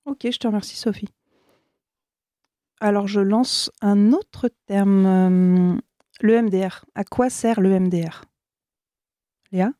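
A woman hosting a panel discussion, putting questions to her guests and speaking in a halting, prompting way. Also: mid-range voice, steady tone, warm tone, no room sound, clean studio sound. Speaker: host.

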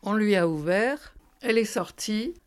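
An older woman recounting memories slowly and gently, pausing with small fillers. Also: medium pitch, animated, clean tone. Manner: gentle, unhurried, with pauses and fillers. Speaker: interviewee. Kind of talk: storytelling reminiscence.

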